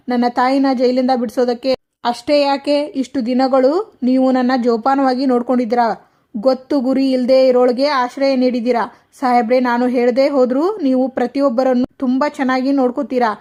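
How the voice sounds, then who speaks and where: A woman voicing a devoted young wife leaving for training, speaking gently and respectfully. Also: high-pitched, lightly acted.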